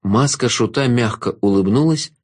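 A man narrating an audiobook with expressive storytelling. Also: medium pitch, normal speed, husky.

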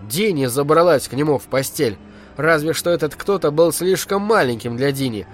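A man in a measured, dark storytelling manner, reading an audiobook as narrator. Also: fairly high pitch, lively intonation, soft background music. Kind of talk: scripted narration.

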